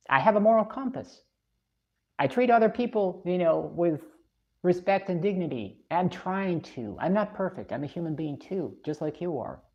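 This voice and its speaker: A woman's voice: mid-range voice, a little mellow, dull audio. A woman from Russia, live streaming, reading viewer comments and giving blunt, opinionated views.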